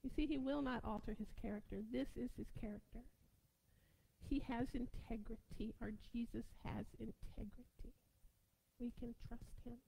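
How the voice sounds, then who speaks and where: A woman preaching a sermon, excitable and prone to shouting out her points with sudden bursts. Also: a little high, normal speed, vocal fry, slightly rough, rough recording.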